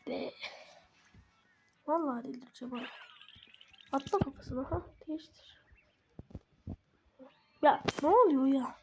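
A woman's voice: sits high, lively intonation, a little slow, pauses often, noisy background. A woman giving casual commentary while playing a game, talking to herself and getting exasperated. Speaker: gaming video host.

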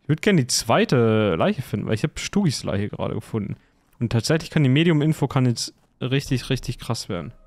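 A man's voice: mid-range voice, expressive, a little fast, darkish tone, slight background noise. A man in casual voice chat during a social deduction game, chatty and full of theories and joking asides. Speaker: game player.

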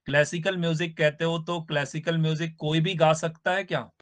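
A man's voice: on the high side, level tone. A man teaching a live online class, explaining step by step and often checking in with his students. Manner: spells out words slowly for emphasis.

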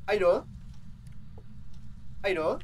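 Jittery high-voiced Argentine guy. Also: lively intonation, extremely slow. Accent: Rioplatense Spanish. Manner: jittery, repeats himself, jokey. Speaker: gaming streamer. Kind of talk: casual gameplay chat.

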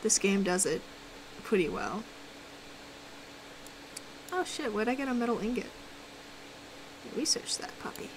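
A woman streaming a game and chatting casually, excitable and teasing, with sudden loud exclamations. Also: medium pitch, measured pace, pauses often, noisy background. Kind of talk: casual gaming chat.

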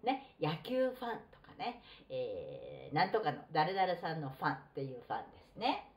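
A middle-aged woman teaching a textbook English lesson, reading model phrases slowly and deliberately. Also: low voice, wildly swooping pitch. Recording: roomy echo.

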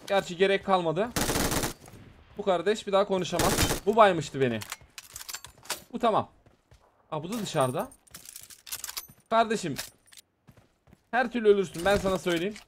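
Male gaming host, high voice, excitable play-by-play, tense muttering in fights. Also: background noise. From Turkey. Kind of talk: live gameplay commentary.

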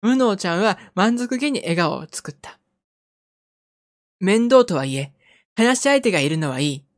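Game music plays beneath a woman's wry narration as she voices a bewildered young man who has no memory and a dry inner voice. Her voice is natural and expressive, medium in pitch, at a moderate pace.

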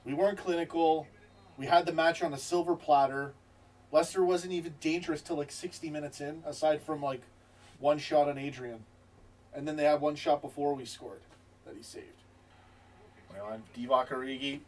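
A young man with a somewhat high, steady voice talks at a normal speed, offering casual watch-along commentary as a football fan reacting to a match. He's in a small wood-panelled fan room, away from the camera, picked up by a distant room mic.

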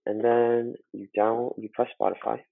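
A man's voice: mid-range voice, little pitch movement, normal speed, vocal fry, no echo. A student talking through a casual computer tutorial with lots of fillers, his voice muffled as if heard through a wall from a built-in laptop mic. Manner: loose and chatty, with many fillers. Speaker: student making a how-to video. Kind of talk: casual screen-recording tutorial. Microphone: built-in laptop microphone.

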